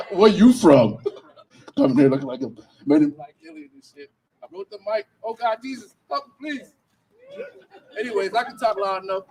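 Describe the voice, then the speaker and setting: A man's voice: sits high, huge pitch swings, normal speed, creaky, crowd noise. A man from Liberia doing freestyle stand-up at an open mic, loose and conversational. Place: outdoor bonfire event. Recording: distant mic with background noise.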